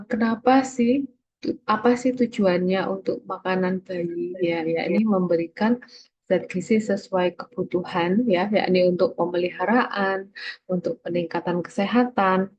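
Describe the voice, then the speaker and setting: A woman's voice: mid-range voice, steady tone, a little slow, darkish tone, muffled recording. A woman giving a recorded lecture, explaining step by step and checking in with her listeners.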